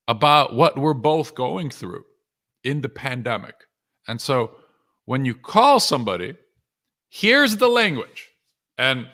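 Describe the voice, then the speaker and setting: A sales coach and author hosting a live webinar talks to viewers in a mid-range voice that is bright and forceful. His delivery is conversational, built on punchy short phrases and frequent rhetorical questions.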